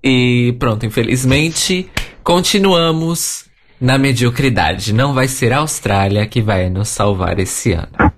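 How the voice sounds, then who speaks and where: A man's voice: medium pitch, a little slow, a little hiss or hum. A man hosting a casual podcast chat, talking in an opinionated way and laughing often. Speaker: podcast host.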